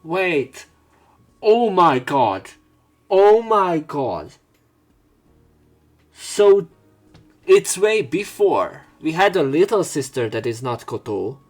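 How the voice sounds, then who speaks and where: With faint music behind him, a let's player reads a visual novel's narration aloud and adds informal commentary, swearing as he reacts. His voice sits on the high side with big pitch swings, moving slowly and pausing often.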